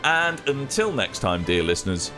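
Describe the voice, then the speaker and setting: A man's voice: mid-range voice, sing-song, normal speed, loud music behind the voice. A man hosting a podcast in casual chat, with a playful, mock-formal way of talking. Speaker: podcast host.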